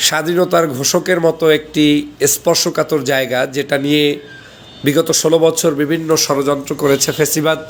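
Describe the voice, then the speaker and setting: High-voiced man giving emphatic political commentary. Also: slight background noise. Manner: argumentative, emphatic.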